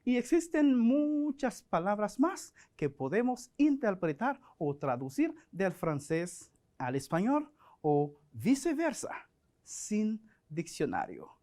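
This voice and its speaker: Slow, lively Dominican French teacher. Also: male voice, sits high. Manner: slow, deliberate, models pronunciation. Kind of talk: educational broadcast lesson.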